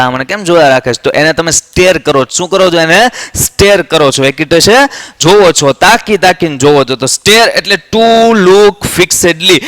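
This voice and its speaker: High-voiced Gujarati man drilling vocabulary. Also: a bit bright, no room sound. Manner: drills words slowly, asks students to repeat. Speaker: English tutor. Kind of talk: vocabulary lesson for exam prep.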